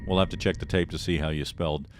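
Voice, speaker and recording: A man's voice: rumbling low, fairly even intonation, quick pace, no room sound, clean studio sound. A man hosting a comedy show, telling stories and running a quiz with wry sarcasm. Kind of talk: comedic monologue and game hosting.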